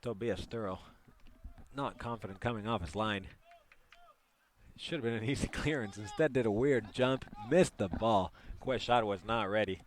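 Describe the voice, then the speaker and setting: A man's voice: on the low side, moderate pace, slight background noise. A man doing live play-by-play commentary, chatty and partisan, joking with listeners as the action unfolds.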